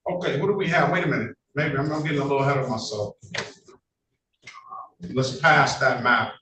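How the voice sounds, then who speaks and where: A man presiding as a judge over court proceedings, brisk and procedural with chatty asides, heard in a courtroom recording. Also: medium pitch, sharp tone. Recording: echoey courtroom, distant mic, faint noise.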